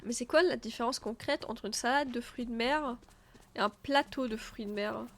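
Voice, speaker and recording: Her pitch is on the high side and her pace moderate as this congested woman casually talks through a game stream, thinking aloud and responding to chat. Game music plays faintly underneath.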